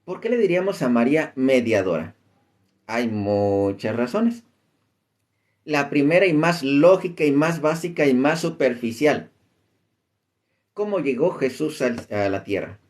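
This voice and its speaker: A man's voice: medium pitch, expressive, measured pace, long pauses, darkish tone. A man giving informal Bible teaching. He reads scripture aloud and looks up verses as he talks. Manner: reads scripture aloud, searches for verses mid-talk, uses "este" as filler.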